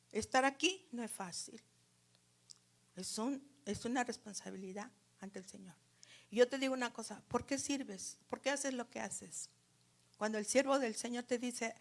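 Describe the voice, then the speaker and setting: A woman preaching a sermon, calling her listeners brothers again and again and swinging from soft near-whispers to loud, emphatic lines. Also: a little high. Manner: repetitive address to the congregation as brothers.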